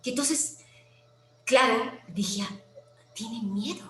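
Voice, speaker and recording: Animated Mexican woman telling a story. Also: fairly high pitch, slow pace, soft background music. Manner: animated, acts out quoted voices, drops to near whisper. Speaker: guest. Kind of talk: personal storytelling. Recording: roomy with faint background noise.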